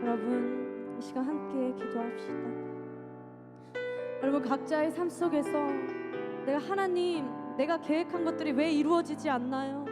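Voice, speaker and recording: Worship leader, woman, fervent prayer over loud worship music, very high voice. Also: fairly even intonation, normal speed. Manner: fervent, rising from soft murmured prayer to loud sung pleading. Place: church sanctuary.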